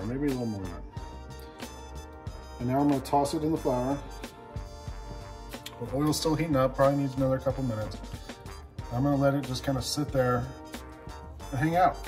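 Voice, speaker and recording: A man in his thirties hosting a home cooking show, explaining each step in a relaxed way as he cooks in his kitchen. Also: mid-range voice, normal speed, pauses often, rough recording. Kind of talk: casual cooking demonstration. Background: background music.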